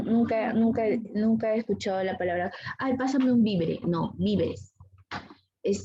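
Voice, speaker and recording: A woman teacher giving an online grammar lesson, explaining patiently step by step and often checking with a quick question. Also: medium pitch, darkish tone. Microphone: computer mic on a video call. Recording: slightly dull video-call audio with faint noise.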